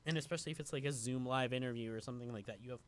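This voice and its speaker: A man talks rapid-fire in a mid-range voice as a podcast co-host and actor raised in New York, loosely chatting through a guest's bio. He's relaxed and rambling, dropping lots of "like" fillers.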